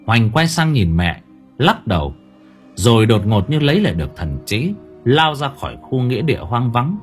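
A man narrating a horror audiobook with suspenseful, expressive delivery. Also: medium pitch, moderate pace, faint music behind. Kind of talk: dramatic horror story narration.

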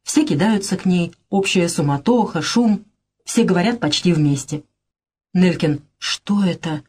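Woman reader, plain play directions, husky voice. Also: lowish voice, unhurried. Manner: plain, even stage directions. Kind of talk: reading a play aloud.

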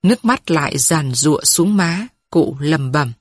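A woman narrates a story in a slow, measured and even way. Her voice sits fairly low, and the recording is close and dry, with no echo. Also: slightly rough.

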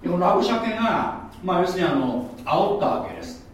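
A man preaches in a loose, conversational way, his pitch leaping and dipping as he tells stories with mocking asides. He sits a bit high for a man. He is heard from some distance in a very echoey room, with a faint hum of background noise. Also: fast talker. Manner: chatty, mocking asides, lively storytelling. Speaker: pastor. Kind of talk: sermon. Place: church hall.

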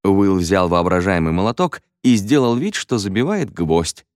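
Male audiobook narrator, playful and expressive, deep voice with lively melody. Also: normal speed, no echo, clean studio sound.

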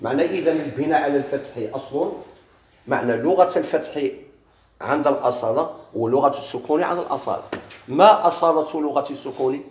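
Brief: Moroccan-accented male grammar teacher, quick delivery, quizzes himself aloud, echoey room. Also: fairly high pitch. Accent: Moroccan Arabic. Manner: poses questions and answers them himself. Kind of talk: classroom grammar lesson.

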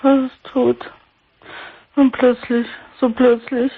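A woman in her sixties calling in to a radio show, grieving and near tears, speaking haltingly and repeating herself. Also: sits high, little pitch movement, breathy edge. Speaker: caller. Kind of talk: phone-in call. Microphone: telephone. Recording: tinny phone line.

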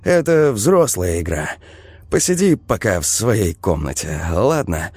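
A man's voice: fairly low pitch, very animated, measured pace, a little mellow, no room sound, voice pushed up. A man voicing a tense teenage boy who is a protective older brother, talking firmly and holding back his anger.

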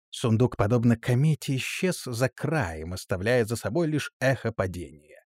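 A man narrating a fantasy storybook in an animated, dramatic manner. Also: mid-range voice, no echo, clean studio sound. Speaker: audiobook narrator.

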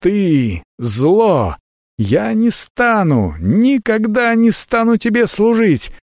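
A man voicing a terrified but defiant young woman, with high, strained shouting in a fantasy audiobook. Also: very animated, slow, dry recording, studio quality, full character voice.

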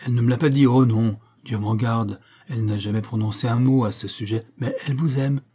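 A male audiobook narrator voices a sentimental young gentleman who has had too much to drink. He pleads with warm insistence, his voice dark and a little husky, lifted slightly above the narrating tone. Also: medium pitch, steady tone, brisk, lightly acted. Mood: pleading. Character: young man, tipsy and sentimental.

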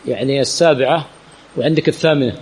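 A fast-talking sheikh with a medium-pitched, darkish voice teaches hadith chain studies in a religious teaching center. The recording is rough, with slight background noise. In this classroom lesson with Q&A he quizzes students through rhetorical questions and repeats key words.

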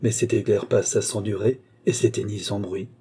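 A man narrating a classic novel as an audiobook in a measured storytelling manner. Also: fairly low pitch, fairly even intonation, dark tone, slightly rough.

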